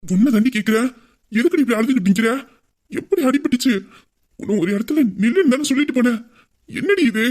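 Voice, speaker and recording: A man's voice: extremely high pitch, expressive, brisk, pauses often, a little mellow. A man doing a hot-tempered protective lover. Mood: worried. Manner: worried questioning, angry threats. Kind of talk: amateur Tamil audio drama.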